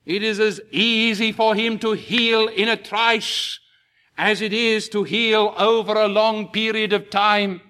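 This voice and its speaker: A man preaching a sermon to his congregation, slow and emphatic, rising into impassioned peaks. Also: sits high, flat delivery, bright, forceful tone.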